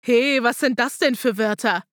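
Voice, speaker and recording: Woman voicing a young man in an audiobook, teasing, coaxing, fairly high voice, dry sound. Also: normal speed, fairly bright tone, no echo, natural voice.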